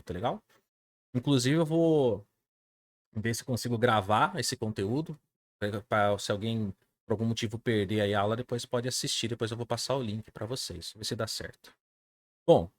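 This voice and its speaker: A man's voice: medium pitch, dry recording. A man with a Brazilian Portuguese accent teaching an English class online in an informal way, often checking in with his students. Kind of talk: live online class lecture.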